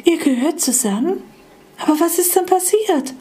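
A shy little yellow GPS device from a storybook asks questions politely and timidly, as a woman puts it on. Its voice sits somewhat high. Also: lively intonation, moderate pace. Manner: timid and polite, slightly raised voice.

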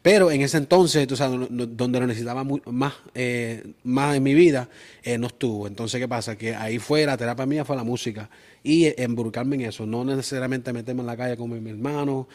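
A man's voice: medium pitch, a little fast, a little mellow. A man from Springfield, Massachusetts, an interview guest who speaks earnestly and mixes in English words. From Springfield, Massachusetts, USA. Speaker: guest, music producer. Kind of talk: casual interview.

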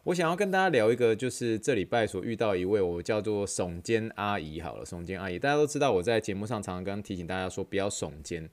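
Fast-talking Taiwanese Mandarin man, low voice. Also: animated. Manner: rambling, repeats phrases, chatty asides. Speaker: podcast host. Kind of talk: casual chat.

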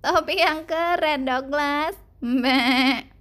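A woman's voice: high voice, very slow, a bit bright, exaggerated voice. Bleating friendly sheep, voiced by a woman. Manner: bleats "meh" around every line. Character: chatty bleating farm sheep, friendly helpers.

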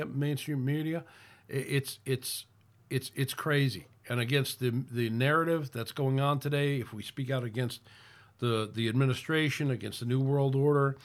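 Rambling middle-aged American man. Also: mid-range voice. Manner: rambling, with many restarts and fillers. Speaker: online commentary host. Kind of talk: casual political commentary.

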